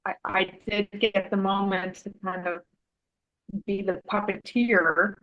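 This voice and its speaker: A woman guest in a relaxed interview, telling a story in a thoughtful, meandering way, with fillers and self-corrections. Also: medium pitch, unhurried, phone-quality sound. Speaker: interview guest, artist and Human Design author.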